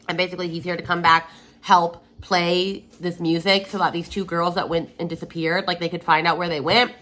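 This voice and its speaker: A woman's voice: lowish voice, pushed and bright. A woman book vlogger chatting casually to camera in an informal, rambling way.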